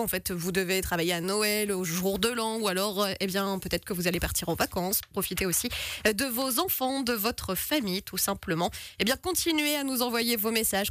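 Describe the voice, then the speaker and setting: A woman's voice: mid-range voice, a bit bright, no echo. A woman hosting a live radio talk show from a studio, chatty and reading out listener messages. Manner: chatty, reads listener messages, laughs easily. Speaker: radio host. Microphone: studio microphone.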